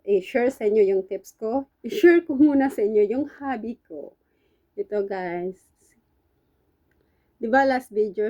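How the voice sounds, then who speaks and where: A woman's voice: mid-range voice, highs cut off. A woman from the Philippines in her thirties, an overseas domestic worker chatting casually to her viewers and calling them guys again and again. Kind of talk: casual chat vlog.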